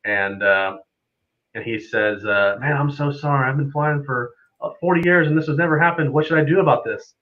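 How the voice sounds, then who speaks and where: On a live stream, an air traffic controller chats as a guest, giving an unscripted, easygoing explanation full of anecdotes. His voice sits in the mid range at a normal speed, and the sound is lo-fi.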